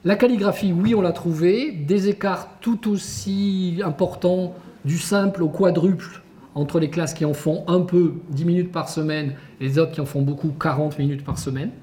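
The speaker is a male education researcher lecturing teachers at a conference, his voice a little high and his pace normal. He sounds animated and emphatic and keeps posing rhetorical questions to the room.

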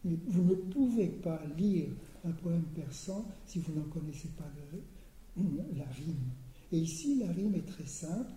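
An older man giving an academic lecture, hesitant, repeating words and often clearing his throat. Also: a little high, lively intonation, a little slow, warm tone. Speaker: lecturer on Persian poetry. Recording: roomy hall sound.

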